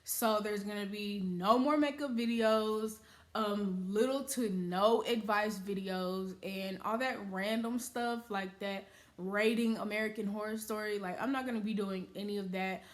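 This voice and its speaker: A woman's voice: mid-range voice, fairly even intonation, a little slow. A woman in her early twenties talking casually to her viewers in a vlog, saying "like" often. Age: early 20s. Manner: chatty, uses "y'all" and "like" often. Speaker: YouTuber.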